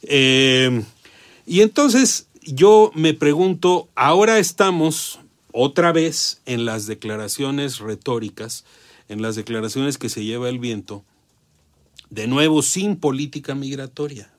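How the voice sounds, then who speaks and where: A man's voice: medium pitch, slow pace. A man with a Mexican accent gives conversational political commentary, repeating phrases for emphasis and posing rhetorical questions. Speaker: panel commentator.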